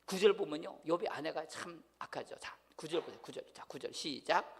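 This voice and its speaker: A male pastor preaching a Sunday sermon with many rhetorical questions, swinging between loud exhortation and hushed asides. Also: fairly high pitch, fairly quick, vocal fry, long reverb tail, a little hiss or hum. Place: church sanctuary.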